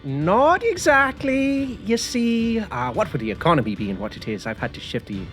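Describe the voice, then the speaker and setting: A man's voice: sits high, big pitch swings, moderate pace, a bit bright, soft background music. A man voicing a scheming, boastful male leprechaun selling crypto, with a put-on Irish accent and wheedling salesman patter. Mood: smug.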